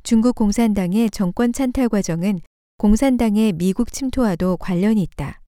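Woman with a mellow, dry voice narrating. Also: medium pitch, no room sound. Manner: measured, steady reading. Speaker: audiobook narrator. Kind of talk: scripted narration of a nonfiction book.

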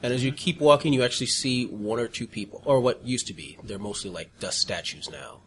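Guy gm narrating the scene, bright voice, bit of background hiss. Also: medium pitch, brisk. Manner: calm descriptive narration, some restarts. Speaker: game master. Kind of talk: narrating a tabletop game.

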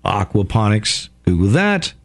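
A male radio host talking in a casual monologue, profane, excitable and rambling. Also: on the low side, measured pace, vocal fry.

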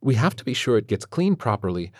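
A man's voice: mid-range voice, very animated, brisk, darkish tone, no echo, studio quality, pitched above the performer's own voice. A man voicing a prim, passive-aggressive female kindergarten teacher with a sugary, condescending manner. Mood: sugary preachy. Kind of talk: audiobook character voice.

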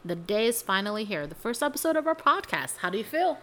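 A young woman co-hosts a podcast, chatting casually in a playful, informal, self-deprecating way. Her mid-range voice moves quickly, swings widely in pitch, and has a fairly bright tone.

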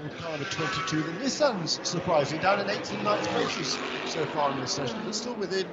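Guy co-commentating a motor race, halting delivery, repeats himself, dull radio sound, loud engines. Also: fairly high pitch, expressive. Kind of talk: live motorsport analysis commentary. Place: live trackside at a street circuit. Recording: dull band-limited broadcast, loud car noise.

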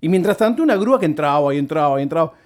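A man's voice: on the high side, animated, rapid-fire, darkish tone. A man with an Argentine Spanish accent, telling a story in a casual monologue and repeating words for comic effect.

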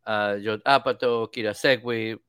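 A man, co-hosting a podcast and telling an anecdote in casual chat, lively and acting out the voices he quotes. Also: fairly low pitch, a little slow, clear, resonant tone, no echo, clean studio sound. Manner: animated storyteller, acts out quoted voices.

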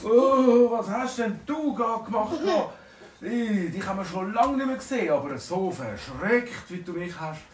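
A man with a Swiss German accent voicing a friendly dragon who exclaims loudly. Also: expressive, measured pace, a little hiss or hum. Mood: startled. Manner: exclaiming, high and loud. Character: excitable loud male dragon, friendly. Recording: roomy, distant from mic.

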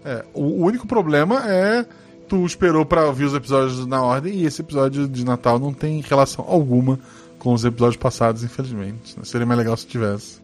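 Man, Brazilian Portuguese accent, podcast host, casual banter, mid pitch. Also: fairly quick, soft background music. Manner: joking, swears casually. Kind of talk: casual podcast chat reading listener comments.

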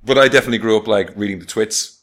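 Low-voiced man chatting dryly on a podcast. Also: racing, fairly bright tone. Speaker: podcast co-host, film reviewer. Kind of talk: casual chat.

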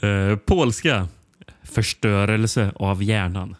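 A man's voice: on the low side, no room sound. A man co-hosting a casual film podcast, laughing often and reading aloud with some stumbles and restarts. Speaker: podcast co-host.

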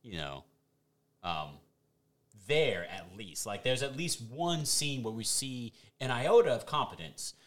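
Animated, bright-voiced man chatting. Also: mid-range voice, measured pace. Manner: animated, swearing, playful. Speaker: podcast co-host. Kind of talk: casual chat ranking movie villains.

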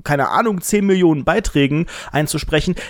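A man's voice: on the high side, a little fast, no room sound, studio quality. A man co-hosting a podcast in casual chat, speaking ironically and addressing listeners in a mock-formal way. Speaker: podcast co-host.

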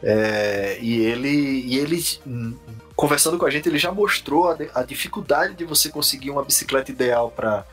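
A man's voice: mid-range voice, moderate pace, a bit bright, soft background music. A man hosting a casual podcast, laid-back and slangy, who swears casually. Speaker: podcast host.

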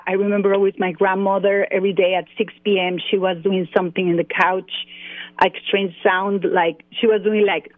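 A woman's voice: medium pitch, no echo. A woman in her forties with a Costa Rican Spanish accent, a guest telling her story in an interview and laughing easily. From Costa Rica. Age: 40s. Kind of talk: interview by phone. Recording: dry phone-line audio.

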